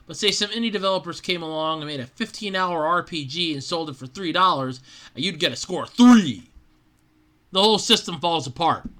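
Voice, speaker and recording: The host reads an article on the podcast in a mid-range voice, mocking it with sarcastic, lively delivery and throwing in casual cursing.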